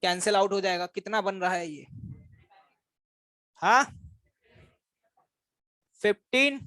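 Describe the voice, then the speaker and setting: High-voiced teasing male physics teacher. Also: slow pace, sharp tone, dry recording. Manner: quizzes and teases students, addresses them as brothers. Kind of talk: classroom lecture. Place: classroom with students.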